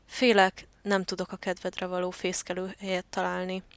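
A woman reading the lines of Otto, a devoted male turtle dove husband who is eager to please his mate, in a soft, earnest storybook voice. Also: on the low side, completely flat delivery, smooth, dry recording, lightly acted.

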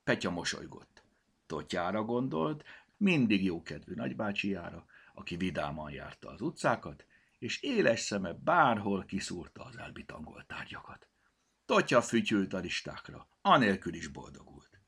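A man reads a children's storybook aloud with expressive telling. His voice is very deep yet moves widely in pitch. It sounds bright with a husky grain. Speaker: narrator. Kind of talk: audiobook narration for children.

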